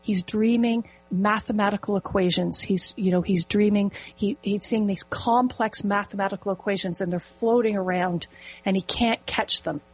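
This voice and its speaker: A middle-aged woman telling a personal story in casual conversation, animated and vivid. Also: mid-range voice, moderate pace, breathy edge, low-quality recording. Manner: animated, storytelling with quoted inner speech. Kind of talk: casual chat.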